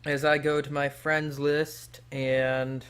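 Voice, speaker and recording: A man's voice: a little high, little pitch movement, slow, a bit bright, slight background noise. A young man hosting a live stream, chatting casually and talking straight to viewers by name.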